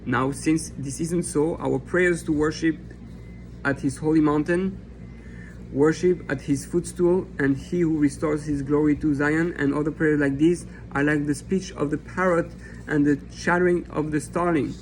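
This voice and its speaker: A man's voice: on the high side, steady tone, moderate pace, a little mellow, slight background noise, poor audio. A man raised in France teaching a Torah lesson as a rabbi, reading a text aloud and explaining it in an earnest, impassioned way. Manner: earnest and impassioned, acting out imagined questions and answers.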